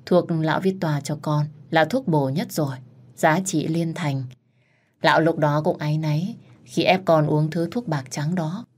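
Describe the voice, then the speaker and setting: A kindly old village healer speaks low and unhurried, voiced by a woman reading a storybook. His tone is gentle and fatherly, full of reassurance. The voice stays in a deep register throughout.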